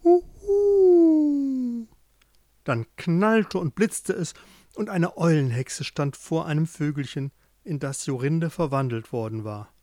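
A man narrating a fairy tale in an expressive storytelling manner. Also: a little high, a little slow, dry recording, studio quality.

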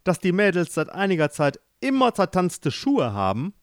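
A man voicing an irritable, blustering middle-aged king who shouts in exasperation. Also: high voice, wildly swooping pitch, moderate pace, no room sound, studio quality, voice pushed up. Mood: exasperated.

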